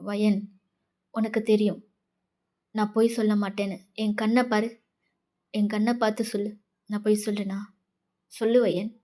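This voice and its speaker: A woman's voice: medium pitch, little pitch movement, moderate pace, pauses often, mellow, natural voice. A woman voicing an earnest young man who urgently comforts and reassures a friend, in a fan fiction voice-over.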